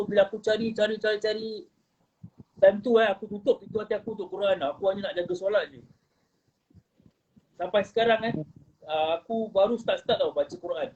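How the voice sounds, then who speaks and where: Brief: man, guest on a talk stream, earnest and rambling, fairly high voice with a dark tone, muffled recording with faint noise. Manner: earnest, rambling, mixes in English phrases. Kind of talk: casual personal testimony.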